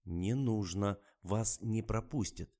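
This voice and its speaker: A man's voice: lowish voice, slow pace, warm tone. A man voicing a stern male ambulance doctor in an audiobook, speaking in an official, brusque, insistent way.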